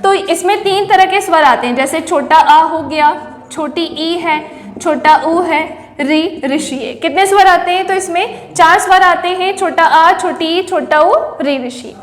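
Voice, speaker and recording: A woman's voice: very high-pitched, a little slow. A woman teacher giving a grammar lesson, who keeps asking the class questions and then answering them herself. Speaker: Hindi teacher. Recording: echoey room with long reverb.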